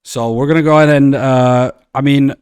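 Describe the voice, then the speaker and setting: A man's voice: mid-range voice, fairly even intonation, a little fast, a little mellow, clear, resonant tone. A man hosting a casual podcast with friends, rambling with lots of fillers and swearing, from Iceland. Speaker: podcast host and streamer.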